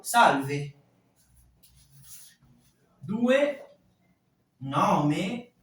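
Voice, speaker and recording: A man teaching a language class, explaining exercises slowly and deliberately, step by step. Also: a little high, a bit bright. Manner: slow, deliberate, spelling out each step. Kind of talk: classroom instruction. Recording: echoey room from a distance, faint hiss.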